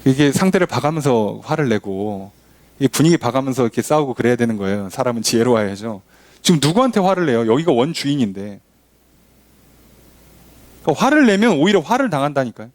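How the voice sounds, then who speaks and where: A man's voice: medium pitch, big pitch swings, fairly quick, a little mellow, no room sound. A male pastor preaching a sermon, asking the congregation rhetorical questions. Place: church.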